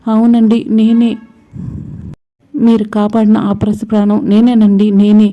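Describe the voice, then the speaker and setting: A woman's voice: medium pitch, monotone, unhurried, muffled recording, lightly acted. A woman voicing an earnest young woman in a TV serial retelling. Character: young woman confessing love joyfully.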